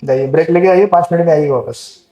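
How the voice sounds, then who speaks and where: A man's voice: a little high, quick pace, mellow. A man giving a conversational scripture class, asking the audience questions as he teaches, in an echoey hall. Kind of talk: Gita class lecture.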